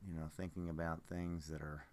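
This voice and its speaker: A man with a low voice talks casually on a livestream sale, sounding groggy from just waking. He muses in an unhurried way and lets sentences drift off. Faint noise and small clicks sit behind him. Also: flat delivery, darkish tone. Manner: unhurried, musing, trailing off mid-thought. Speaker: live auction seller showing amber specimens.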